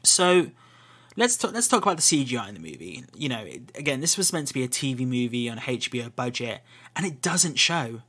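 A man's voice: mid-range voice, very animated, brisk, bright, forceful tone, husky. A man hosting a podcast, giving a solo film review in loose, rambling talk that often restarts its sentences. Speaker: podcast host.

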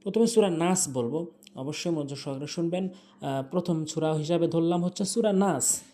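A man with a Bangladeshi accent teaching Quran pronunciation, switching between quick explanations and slow, drawn-out recitation. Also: a little high, mellow.

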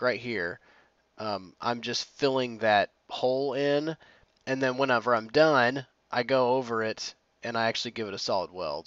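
A young man gives an easygoing, rambling voice-over about his welding project, full of ums and restarts. His voice sits in a middle pitch range. The recording is dry and close, with a slightly muffled, lo-fi tone. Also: a bit bright, dry recording. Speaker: DIY maker narrating his build. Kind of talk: casual voice-over narration.

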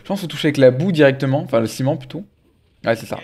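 Young male streamer, casual game commentary, animated and teasing, mid-pitched voice. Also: racing. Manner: animated, exclaims often, teasing. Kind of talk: casual live gameplay commentary.

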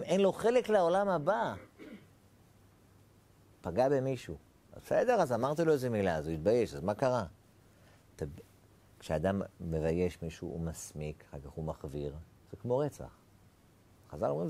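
A man gives a rabbi's Torah lesson in a warm, gravelly voice. His pitch rises and falls widely as he asks rhetorical questions and acts out short dialogues. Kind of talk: Torah lecture.

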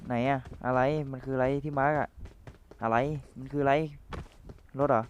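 A young man casually commentating his own game match, playful and chatty with viewers and teammates, his voice a little rough from the cold. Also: mid-range voice, fairly even intonation, normal speed, dull audio, a little hiss or hum.

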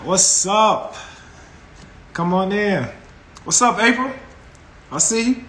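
A man's voice: high voice, takes it slowly, a bit bright, echoey room, a little hiss or hum. A man, hosting a casual live stream from his phone and greeting viewers with an upbeat, laughing manner. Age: 40s. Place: small room with colored lights, indoors. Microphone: phone camera close up.

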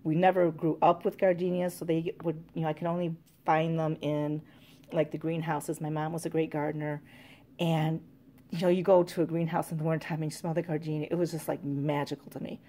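A woman with a somewhat low, mellow voice chats through a casual show-and-tell vlog. She rambles, piles on fillers, and now and then reads product blurbs aloud in a smoother tone. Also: level tone, brisk. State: out of breath. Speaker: candle collector vlogger.

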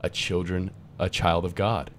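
Brief: young male co-host, low-pitched, casual and upbeat, a faint hiss behind him. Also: little pitch movement. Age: 20s. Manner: casual and upbeat, quick asides, reads verses aloud. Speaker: podcast co-host. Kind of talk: podcast conversation with scripture reading.

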